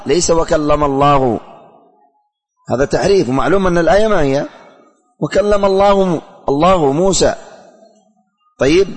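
A male teacher leading a religious lesson, repeating questions and quizzing his students. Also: a little high. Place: classroom. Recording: long hall reverb.

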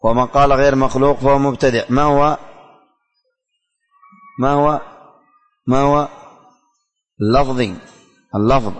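A male religious teacher leads a classroom lesson, reading out each line slowly so students can write it down and asking them questions again and again. His voice stays even, with little rise and fall, and it rings out with a long reverb as if in a large hall. Faint music sits underneath. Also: medium pitch. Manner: slow and deliberate, repeating lines for students to write down; quizzes students with repeated questions. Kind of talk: classroom lesson dictating and explaining verses.

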